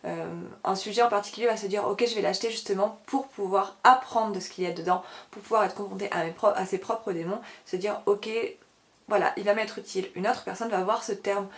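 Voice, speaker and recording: A young woman with a French accent, talking earnestly to camera as a writer and video blogger, often pausing and correcting herself. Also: medium pitch, fairly even intonation. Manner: earnest, many hesitations and self-corrections. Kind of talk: casual explanatory talk to camera.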